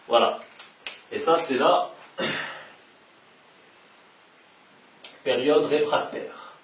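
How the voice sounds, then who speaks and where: A man giving a casual science lecture, explaining step by step and repeating the key terms. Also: medium pitch. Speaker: science educator. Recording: roomy echo, distant mic, faint hiss.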